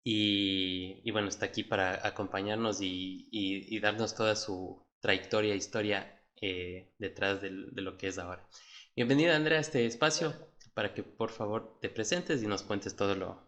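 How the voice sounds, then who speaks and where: A man's voice: lowish voice, steady tone, moderate pace, a bit bright. A man with an Ecuadorian accent hosting an interview, chatty and often repeating words as he searches for his phrasing. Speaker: interview host.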